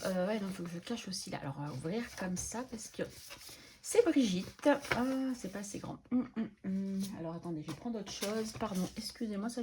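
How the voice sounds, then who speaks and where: A woman's voice: medium pitch, noisy background. A middle-aged woman chatting casually to camera about budgeting, enthusiastic and laughing often. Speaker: budgeting channel host.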